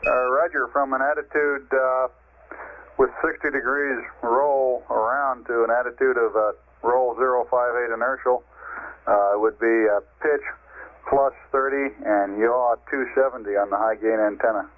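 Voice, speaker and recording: A man's voice: mid-range voice, fairly even intonation, moderate pace, no room sound. A man in mission control speaking over a two-way radio link, giving clipped procedural instructions with some hesitant fillers and closing his turns with "over". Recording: tinny radio line with loud static.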